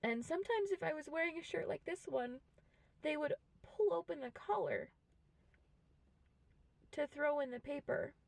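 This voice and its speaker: A woman in her twenties talking frankly and reflectively to a camera, with many pauses. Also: sits high, expressive, vocal fry, no echo. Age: 20s. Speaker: vlogger. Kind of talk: candid personal monologue to camera. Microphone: camera mic.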